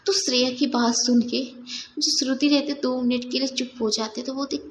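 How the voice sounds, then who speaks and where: A woman's voice: high-pitched, steady tone, normal speed. Young woman storyteller, chatty narration, echoey room with faint hum. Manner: conversational, mixes in English. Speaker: storyteller, channel host.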